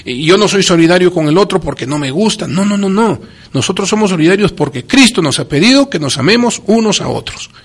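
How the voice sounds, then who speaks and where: A man's voice: high-pitched, lively intonation, fast talker, few pauses, slightly rough. Emphatic man giving religious talk. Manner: emphatic, preacherly, repeats key phrases.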